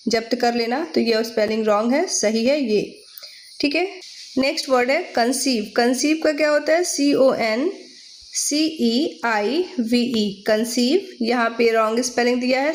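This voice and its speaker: A woman with an Indian accent teaching English spellings for exams, spelling words out letter by letter and checking with "theek hai". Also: a little high. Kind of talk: exam-prep vocabulary lesson.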